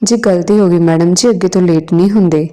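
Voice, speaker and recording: A woman's voice: lowish voice, a little fast, warm tone, close to an everyday voice. A woman voicing a timid young schoolgirl who apologizes to her teacher. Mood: worried. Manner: pleading, apologetic.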